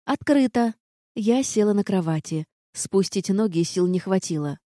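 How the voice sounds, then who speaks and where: A woman reading a fantasy story aloud in the first person, calm and even in her storytelling. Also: medium pitch, moderate pace, no echo, studio quality. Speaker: audiobook narrator. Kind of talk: first-person audiobook narration.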